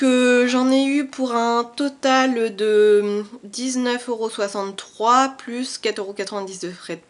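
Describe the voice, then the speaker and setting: A young woman with a French accent chatting casually through a haul video at home, hesitant and full of fillers, recorded on a camera mic. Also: mid-range voice. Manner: hesitant, many fillers and repetitions. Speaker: beauty vlogger. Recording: faint background noise.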